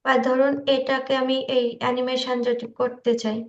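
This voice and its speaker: Demonstrating video animation software in an informal screen-share, a tutor pauses hesitantly to check that her listeners are with her. She speaks at normal speed in a high voice with little pitch movement, heard through dull, lo-fi online meeting call audio.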